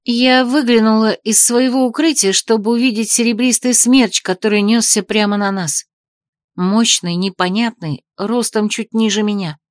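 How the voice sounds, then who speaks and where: A woman narrating a romantic fantasy audiobook in the first person, with a wry, expressive reading. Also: fairly high pitch, moderate pace, no room sound, studio quality.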